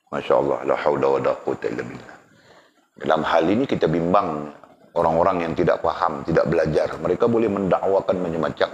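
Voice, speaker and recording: A man with a very low voice teaches a religious class. He talks in a conversational way and keeps checking in with his students through rhetorical questions. The recording is muffled and lo-fi. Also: darkish tone, a little hiss or hum. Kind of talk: religious lesson. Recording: dull lo-fi recording.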